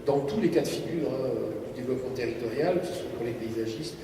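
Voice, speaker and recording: A man's voice: mid-range voice, fast talker, noisy background. A man speaking off the cuff on a panel, in a hesitant, discursive academic way. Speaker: panelist who teaches architecture. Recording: echoey hall, distant mic.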